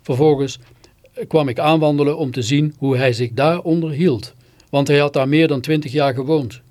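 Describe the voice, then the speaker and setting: A man's voice: fairly high pitch, steady tone, normal speed, a little mellow. A man reading a first-person story on literary radio in a theatrical, scornful way, with sudden bitter outbursts.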